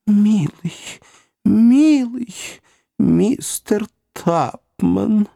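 A man voicing a hysterical middle-aged spinster aunt in a shrill falsetto, breathless and exclaiming. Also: very animated, slow, no echo, clean studio sound, exaggerated voice. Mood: tender.

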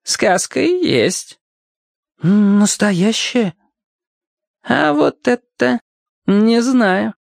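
A man's voice: high-pitched, lively intonation, vocal fry, dry recording, clean studio sound, voice pushed up, heavily acted. A man voicing a kindly, wry old male cobbler in a storybook reading, with a quavering, folksy, teasing way of talking. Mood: musing. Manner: folksy, teasing, slow and sly. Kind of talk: audiobook character voice.

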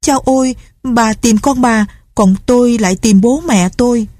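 Brief: a woman playing a frightened young girl, high and frantic, soft-spoken, dry close sound. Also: unhurried, dry recording. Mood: despairing. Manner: pleading, frantic. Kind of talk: audiobook character reading.

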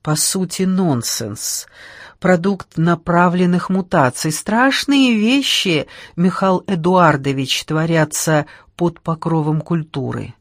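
A woman's voice: lowish voice, takes it slowly, no room sound. Woman doing a rambling drunk man, lecturing and sing-song, dry close read. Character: tipsy rambling middle-aged man.

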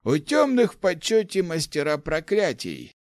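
A man's voice: a little high, huge pitch swings, a little slow, no echo, studio quality, voice pushed up. A man voicing a grumpy, gloomy old male mage who grumbles his lines in an audiobook. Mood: grumbling. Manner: grumbling, growling. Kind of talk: audiobook character voice.

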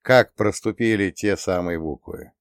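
Casual reading: man narrating a first-person adventure, low voice, dry sound. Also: a little slow, no echo. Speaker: audiobook narrator. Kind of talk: scripted narration.

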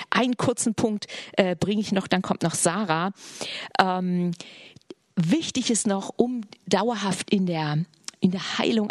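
Earnest woman preaching, husky voice. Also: fairly low pitch, no room sound, clean studio sound. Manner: earnest, slips into soft whispered passages. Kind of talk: sermon.

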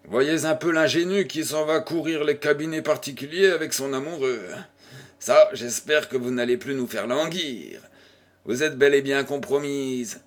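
A man's voice: mid-range voice, lightly acted. A man voicing an elderly aristocratic dowager who teases and fusses over a young widow, in a storybook reading. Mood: teasing. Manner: mock-scolding, playful, exclamatory.

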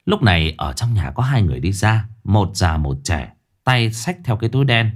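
A man's voice: lowish voice, sing-song, normal speed. A man narrating a ghost story in a dramatic, action-filled telling.

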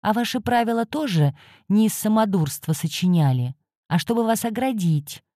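In a clean, dry studio recording, a woman voices a grumpy, sarcastic male cat guardian who hisses and scolds. Her natural, mellow mid-range voice is pitched above her own, lively in intonation and moderately paced.

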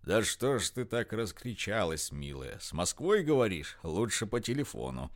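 A man voicing a big, sleepy, lustful older man in an audiobook, with a low, slow, purring drawl. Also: very animated. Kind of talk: audiobook character voice.

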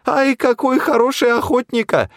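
A wailing, fawning junkie man flatters endlessly in broken, repeated phrases. The voice sits far above the reader's own pitch and sounds oddly altered in tone. It is an audiobook figure, pleading and servile. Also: normal speed, no echo, clean studio sound. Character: whining wheedling desert junkie man, broken speech.

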